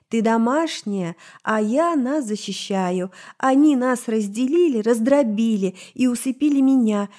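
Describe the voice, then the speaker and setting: A woman's voice: on the high side, warm tone, lightly acted. A woman voicing the fierce, scornful succubus side of a young woman, speaking in clipped, mocking bursts.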